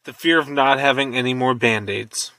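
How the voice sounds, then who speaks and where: A man's voice: medium pitch, normal speed, sharp tone. A man guessing answers in casual podcast banter, joking and mocking himself. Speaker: podcast co-host.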